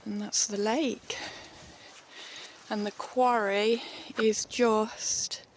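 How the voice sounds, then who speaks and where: A woman's voice: fairly high pitch, level tone, extremely slow, a little hiss or hum. A woman vlogging on her own as she walks a wet mountain path, chatty and self-deprecating, laughing often. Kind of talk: casual solo hiking vlog.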